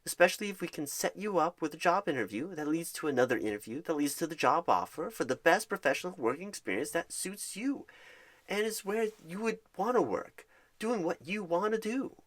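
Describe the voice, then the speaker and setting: A performer plays an upbeat, reassuring job recruiter in a soothing ASMR phone-screen roleplay, talking in a wordy, encouraging, salesy way. The voice is mid-range and close to everyday speech, with lively intonation at a slightly fast pace, and the mood is encouraging and persuasive.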